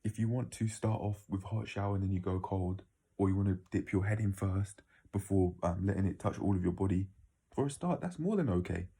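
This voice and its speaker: Male vlogger, very low and mellow, casual opinionated rambler who speaks bluntly. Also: fairly quick, husky. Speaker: video creator. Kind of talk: casual opinionated monologue to viewers.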